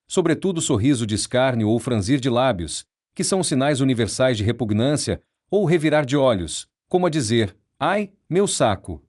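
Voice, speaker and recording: A man reading a nonfiction book aloud in a measured, steady, explanatory way. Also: medium pitch. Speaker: audiobook narrator.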